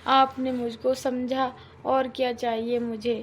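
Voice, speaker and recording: A woman's voice: high voice, level tone, slow, slight background noise. A woman as a meek pleading daughter-in-law. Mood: grateful. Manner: pleading, tearful and soft. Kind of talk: cartoon voice acting.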